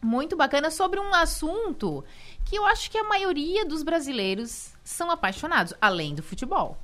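High lively-voiced Brazilian radio co-host woman. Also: normal speed, soft background music. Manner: warm-spoken, announcer-like, laughs easily. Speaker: radio show co-host and journalist. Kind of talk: casual radio talk show chat.

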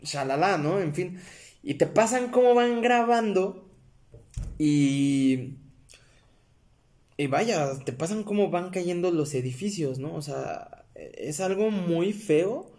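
Chatty young Mexican guy, a bit high. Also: lively intonation, slow pace, darkish tone. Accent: Mexican Spanish. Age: young adult. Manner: rambling, full of fillers and self-corrections, addresses viewers as friends. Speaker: vlogger. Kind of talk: casual storytelling to camera.

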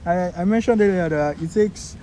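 A man's voice: sits high, normal speed, a crowd in the background, poor audio. A young man from Nigeria with a Nigerian accent, chatting casually as a podcast co-host and often searching for words. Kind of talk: casual chat.

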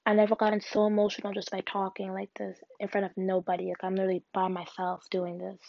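Young woman, solo podcast host, earnest and halting delivery, dull lo-fi sound. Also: mid-range voice, monotone, vocal fry, no room sound. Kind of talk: solo personal podcast reflection. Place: alone at home. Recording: dull, dry lo-fi recording.

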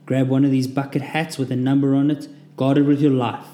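A man's voice: mid-range voice, level tone, fairly quick, dark tone, lightly acted. A man playing a brutal Russian drill sergeant who barks commands. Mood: barking orders. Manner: barking commands. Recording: roomy echo.

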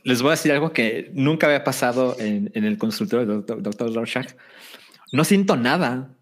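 A man with a Mexican accent in a casual chat, with dry, flat-affect humor. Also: medium pitch, fairly quick. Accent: Mexican Spanish.

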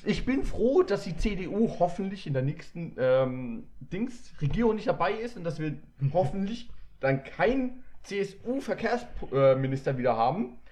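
A man's voice: high voice, sing-song, moderate pace, a little mellow, a little hiss or hum. A young man telling rambling stories in a casual chat, laughing often and acting out the voices of people he quotes.

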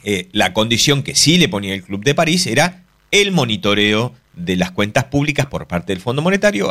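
A man with an Argentine accent giving an economics column on radio, deliberate and explanatory with many fillers. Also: medium pitch, a bit bright. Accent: Argentine Spanish. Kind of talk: radio commentary.

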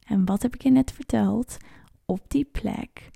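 Warm, gravelly woman explaining casually. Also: a little high, a little slow, no room sound, studio quality. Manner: chatty and informal, searching for words. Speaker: trauma coach hosting an online challenge. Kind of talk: informal explanatory talk to viewers.

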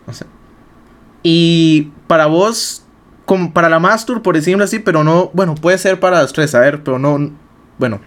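High-voiced Costa Rican interviewer. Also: male voice, moderate pace. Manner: rambling, hedging questions. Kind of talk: casual interview chat.

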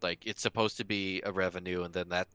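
A man's voice: sits low, brisk, clean tone, dry recording. A man co-hosting a gaming podcast, chatting casually and animatedly, filling his talk with "like" and restarts. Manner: animated, heavy use of "like", many restarts. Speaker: podcast co-host. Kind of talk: casual chat.

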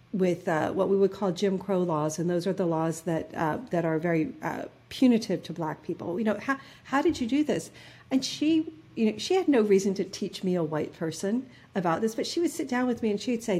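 Breathy fifty-something woman from jersey, interview guest, earnest, lots of ums and restarts. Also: mid-range voice, dark tone. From New Jersey. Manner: earnest storytelling with frequent fillers and restarts. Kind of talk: reflective interview conversation.

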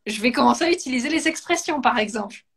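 A woman's voice: a little high, expressive, quick pace, breathy edge. Chatty woman thinking aloud. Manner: thinks aloud with many fillers and restarts. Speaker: coach and host. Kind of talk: casual conversation, live video.

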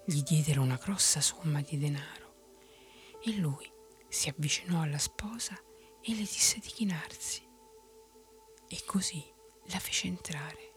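A woman's voice: low-pitched, unhurried, pauses often, soft background music. Whispering woman telling a bedtime story. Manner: soft unvoiced whisper.

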